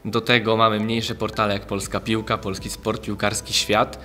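A young man interviewing, asking steady, formal prepared questions at a desk mic in a small studio. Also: on the low side, moderate pace, soft background music. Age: young adult. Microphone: desk mic on boom arm.

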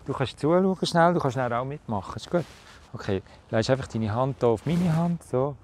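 A man with a Swiss German accent leading a street hypnosis outdoors, speaking slow, soothing suggestions and repeating deeper and deeper. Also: lively intonation, darkish tone, a little hiss or hum. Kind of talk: hypnosis induction. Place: outdoors by a lakeside in town.

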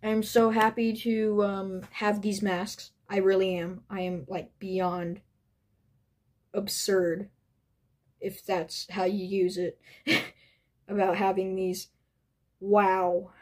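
Young female collector-vlogger, gushing and breathless, restarts sentences, slow and mellow delivery. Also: medium pitch, level tone. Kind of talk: excited unboxing vlog.

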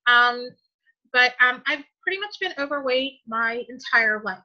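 A woman's voice: sits high, animated, unhurried, dull audio. A woman in her forties telling a personal story, emotional and hesitant, with many ums and restarts. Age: 40s. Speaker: guest sharing a testimonial. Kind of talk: personal story told on a call.

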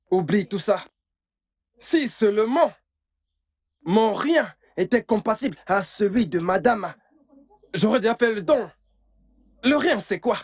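A man's voice: high-pitched, slightly rough, heavily acted. A man doing a flustered giggling house servant. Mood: scolding. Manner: giggly, flustered, later wailing and mocking. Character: bumbling joking male house servant, loud and excitable. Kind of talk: dubbed film acting.

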